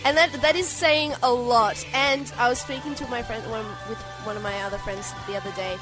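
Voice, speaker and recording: A woman's voice: fairly high pitch, brisk, music in the background, poor audio. An eighteen-year-old woman with an Australian accent, hosting a podcast in a casual, chatty way. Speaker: podcast host.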